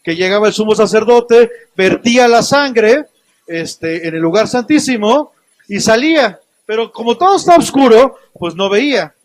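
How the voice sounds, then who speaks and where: A man's voice: high-pitched, expressive, moderate pace, no room sound. A man preaching a conversational sermon with a Mexican Spanish accent, often asking his listeners questions. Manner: conversational, asks the congregation questions.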